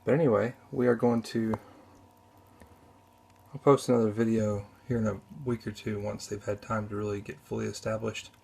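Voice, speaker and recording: Male hobbyist, low gravelly voice, loose off-camera vlog commentary, halting and self-correcting, home bedroom on a camera mic. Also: slight background noise. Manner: relaxed, halting, with many restarts and self-corrections. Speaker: aquarium hobbyist. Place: spare upstairs bedroom at home.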